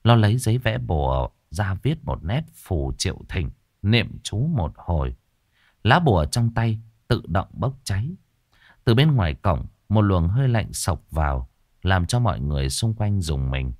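A man narrating a ghost story in a measured, dramatic manner. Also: deep voice, big pitch swings, darkish tone, dry recording, clean studio sound.

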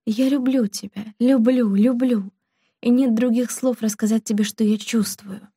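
Female narrator voicing a timid young heroine, soft breathy whispers, mellow tone. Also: on the high side, fairly even intonation, unhurried, no echo, studio quality. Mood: tender.

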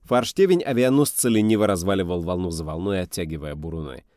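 A man reading a novel aloud in a steady, measured storytelling voice. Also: sits low, no echo, clean studio sound. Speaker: audiobook reader. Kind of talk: scripted narration.

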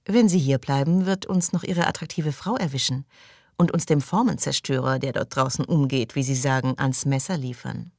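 A bold, playful young woman who says exactly what she wants, as a woman reading an audiobook puts her on. She teases and presses in a dry, close-miked voice, pitched higher than the reader's own low tone. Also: normal speed, a little mellow, no echo. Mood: inviting. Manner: teasing, direct, playful.

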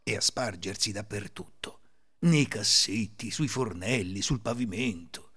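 A man hosting a podcast and narrating folk fairy tales in an expressive, lilting storytelling manner. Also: fairly low pitch, a little slow, husky. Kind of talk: scripted fairy-tale narration.

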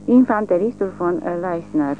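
A woman's voice: lowish voice, expressive, faint music behind, natural voice. A woman voicing an older, demoted male army major who gives formal, clipped military replies. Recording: tinny lo-fi with faint hum.

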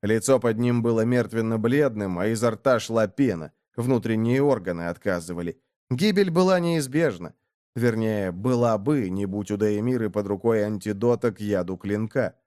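Recorded in a clean studio with no room sound, a man narrates an audiobook from a script. His voice sits on the low side, and he tells the story at a normal speed in a steady, even way.

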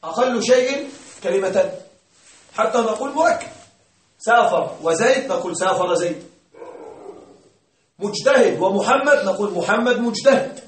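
A man's voice: high voice, expressive, normal speed, long pauses. A man teaching grammar to a class, often asking a question aloud and then answering it himself. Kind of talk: classroom lecture. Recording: roomy, distant mic.

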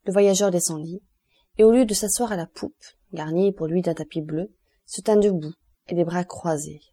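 A woman narrating a classic novel as an audiobook, in a steady, even reading manner. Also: fairly low pitch, moderate pace, slightly rough. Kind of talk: scripted literary narration.

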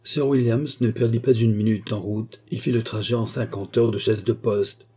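Low, dark-voiced male audiobook narrator. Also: fairly even intonation, normal speed, breathy edge. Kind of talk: scripted narration of a classic novel.

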